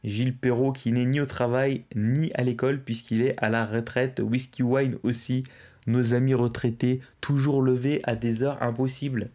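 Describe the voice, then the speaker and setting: A man's voice: mid-range voice, little pitch movement, normal speed, warm tone. A young man hosting a live stream, casually chatting and reading out viewers' messages. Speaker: livestream host. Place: indoors, at a streaming desk.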